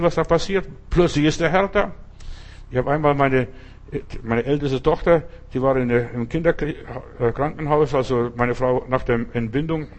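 A middle-aged man preaching a fervent sermon, pleading with his listeners and moving between loud and hushed delivery. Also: mid-range voice. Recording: listeners hear remotely.

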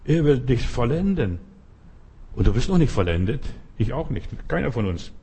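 Male preacher, husky mellow voice, emphatic sermon delivery. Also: sing-song, normal speed. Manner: emphatic, exhorting, with sudden jumps in pitch.

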